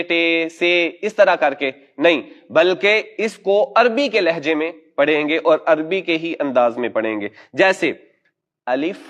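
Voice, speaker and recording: A man teaching Quran recitation in a class. He patiently demonstrates each letter sound slowly and has it repeated back. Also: high voice, lo-fi sound. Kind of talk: classroom instruction.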